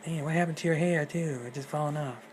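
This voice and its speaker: A man's voice: a little high, fast, noisy background, lightly acted. Cheeky red-hooded girl, as a man puts her on. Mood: questioning. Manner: blunt, slangy, questioning.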